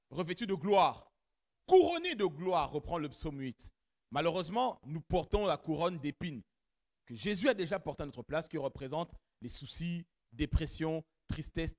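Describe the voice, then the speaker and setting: A male pastor with a high-pitched voice preaches a sermon in church, animated and rising to loud, emphatic peaks as he addresses the congregation directly. French is not his first language; he has another mother tongue.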